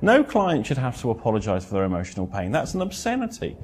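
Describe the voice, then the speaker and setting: A man's voice: fast talker, slight background noise. A middle-aged man giving a presentation as a therapist, a blunt, wry storyteller who swears and swings his voice up and down. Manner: animated, swinging pitch and loudness. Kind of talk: lecture with anecdotes.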